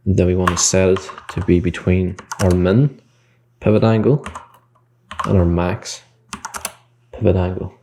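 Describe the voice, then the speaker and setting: Man, low dark voice, coding tutorial, step-by-step explanation, faint typing behind. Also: steady tone, a little slow, pauses often, slight background noise. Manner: explains code step by step, thinking aloud; corrects himself mid-sentence. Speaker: game development tutor. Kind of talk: screen-recorded coding tutorial.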